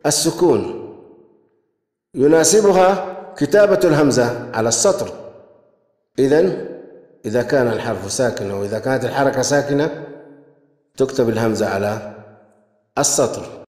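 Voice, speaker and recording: A man's voice: medium pitch, expressive, a little mellow. Man teaching grammar in an echoey room. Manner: asks questions then praises imagined answers; slow, drawn-out reading of example words. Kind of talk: classroom grammar lesson. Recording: echoey room with long reverb.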